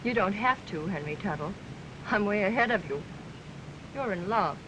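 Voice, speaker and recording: An actress playing a wry, kindly young woman friend in a 1930s film, soft and a little hesitant. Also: mid-range voice, expressive, moderate pace, close to an everyday voice. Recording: distant, hissy 1930s film sound.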